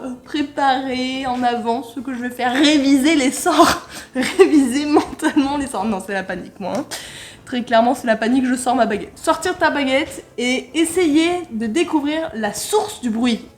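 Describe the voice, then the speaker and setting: A playful woman vlogger with a high voice talks her way through an online quiz, cracking jokes and laughing often. She reads English words aloud with a loose, approximate accent in a light, casual tone. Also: moderate pace. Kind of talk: casual commentary while taking an online quiz.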